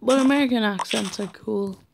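A woman's voice: a little high, brisk, vocal fry. A tired teenage girl from Ireland, rambling through casual gameplay commentary with mumbled asides and sing-song chanting. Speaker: gamer. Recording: noisy home recording with clicks.

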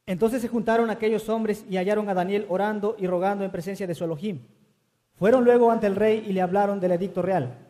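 A man reading scripture aloud in a steady, measured way. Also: sits high. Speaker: scripture reader. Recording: long reverb.

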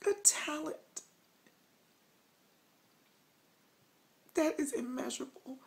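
A woman playing a sobbing, overwhelmed woman in a mock confession to camera, with snotty crying, halting whimpers and a voice breaking into whispers. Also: high voice, animated, creaky, darkish tone. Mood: tearful, struggling. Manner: halting, whimpering, broken phrases. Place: small room indoors. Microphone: phone or webcam at arm's length.

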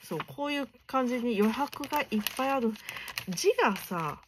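A young woman chatting casually while unboxing stationery gifts, keeping her voice low and gushing softly, sometimes dropping to near whispers. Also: expressive, moderate pace, noisy background. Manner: soft-spoken, chatty, keeps voice down late at night.

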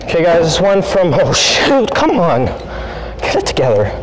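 A young man doing a deadpan prank performance in a large store, singing off-key over his acoustic guitar and muttering quick asides, picked up by a far camera. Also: a little high, a little hiss or hum. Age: young adult. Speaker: prank comedian posing as a busker. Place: inside a large store, bright and open. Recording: loud acoustic guitar behind the voice.

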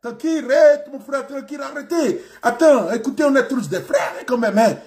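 A man voicing a brash young man speaking French with an Ivorian accent, loud and swaggering. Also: very high-pitched, fairly quick, pitched above the performer's own voice. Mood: placating.

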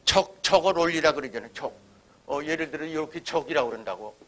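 A man lecturing on history at a forum, his voice pitched high for a man and bright in tone. He speaks emphatically and slips into imitated dialect phrases to make his points. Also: lively intonation, fast talker.

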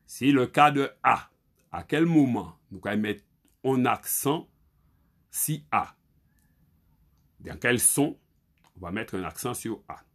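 A man teaching a Creole spelling lesson, halting and repeating himself as he spells letters aloud. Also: mid-range voice, expressive, fairly bright tone.

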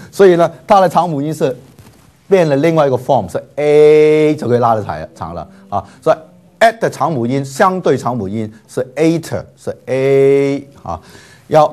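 A man's voice: medium pitch, a little mellow. A man teaching a class, leading drills with repeated syllables and playful asides. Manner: slow, drawn-out, repeats syllables for students to follow; frequent filler particles, playful asides.

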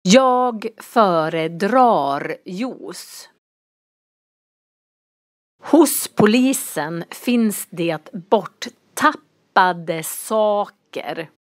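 Slow, precise woman teaching vocabulary. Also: mid-range voice, expressive, no echo, clean studio sound. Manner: pronounces each word form slowly and distinctly for learners. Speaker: language teacher. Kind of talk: slow, clearly articulated vocabulary lesson.

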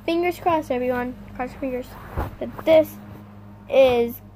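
A woman vlogging an unboxing, talking straight to her viewers in a halting, complaining way. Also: sits high, dark tone, a little hiss or hum. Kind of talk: casual unboxing chat to viewers.

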